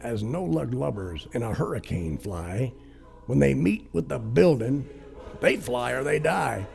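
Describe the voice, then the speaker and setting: A man narrates a crude, cheeky rhyming parody in a heavily gravelly voice. He takes his time, and his delivery rises and falls widely, with music playing underneath. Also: medium pitch, animated, a little slow, darkish tone. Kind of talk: comic rhyming verse recitation.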